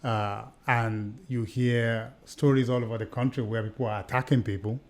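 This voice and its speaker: Steady and mid-range, the man speaks at a normal pace. He's a middle-aged podcast co-host who grew up in Nigeria and has the accent, sharing stories earnestly in conversation while often repeating himself and starting phrases over.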